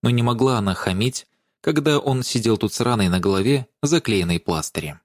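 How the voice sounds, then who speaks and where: A man narrating an audiobook with animated storytelling. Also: fairly low pitch, fairly quick, no room sound, clean studio sound.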